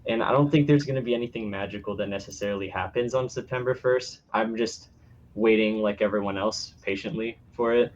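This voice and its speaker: Hesitant low-voiced man, dull lo-fi audio. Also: steady tone, brisk, a little hiss or hum. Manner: hesitant, noncommittal, trailing off. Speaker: podcast panelist. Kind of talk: casual chat. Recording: dull lo-fi voice chat.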